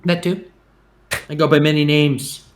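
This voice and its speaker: A man's voice: fairly high pitch, fairly even intonation, a little slow. A man co-hosting a casual podcast, joking in a playful, mock-philosophical way. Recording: echoey room with background noise.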